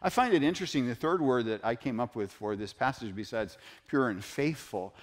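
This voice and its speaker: A man's voice: medium pitch, animated, fairly quick. Male pastor, earnest sermon delivery, quotes scripture. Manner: earnest preaching, quotes scripture, rises in emphasis. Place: church sanctuary.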